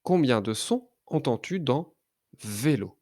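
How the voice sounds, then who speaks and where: A man teaching a child to read, sounding out letters and syllables slowly and carefully. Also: mid-range voice, animated, a little mellow, no echo, studio quality. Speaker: reading teacher. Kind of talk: children's phonics lesson.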